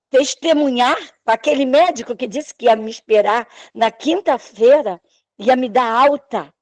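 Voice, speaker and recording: A woman tells her healing testimony at a church service. She speaks slowly and with emotion, raising her voice to act out the doctors' words. Her voice is recorded close and dry, with no room sound. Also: a little high, a little mellow, no room sound. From Brazil. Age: 60s. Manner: emotional storytelling, acting out the doctors' lines. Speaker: church member giving testimony.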